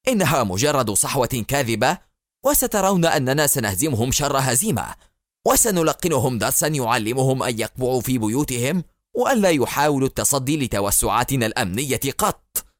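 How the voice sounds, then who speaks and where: A man voicing an arrogant, angry male enemy officer, speaking sharply, loudly and impatiently. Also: medium pitch, sing-song, fairly quick, no room sound, clean studio sound, natural voice.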